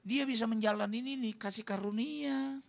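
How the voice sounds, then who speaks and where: A man's voice: extremely high pitch, moderate pace, creaky. A man preaching a humorous sermon as a pastor, telling stories and acting out what others said. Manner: storytelling, jokey, acts out quotes. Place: church hall.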